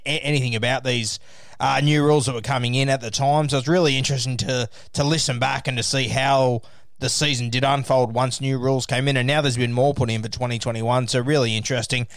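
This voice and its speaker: An Australian man hosting a podcast in casual talk, with a monotone delivery. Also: medium pitch, no room sound, studio quality. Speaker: podcast host.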